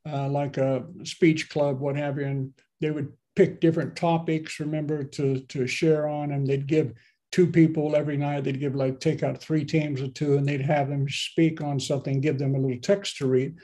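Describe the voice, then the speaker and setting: Speaking at normal speed with a flat delivery, a pastor in his seventies rambles through his sermon on a video call, using a laptop webcam in his small home office. His voice sits fairly high but is mellow and warm, and he keeps it conversational with asides and questions for listeners.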